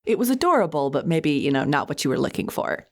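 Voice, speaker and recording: Woman co-host, low voice with plenty of movement, playful. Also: very animated, quick pace. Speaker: podcast co-host. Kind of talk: casual podcast chat.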